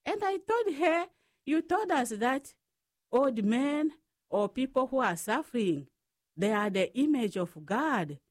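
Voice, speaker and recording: Slow-speaking Congolese-born woman. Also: high-pitched, very animated, no room sound, clean studio sound. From Democratic Republic of the Congo. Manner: slow, careful storytelling. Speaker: guest, Franciscan sister. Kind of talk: radio interview.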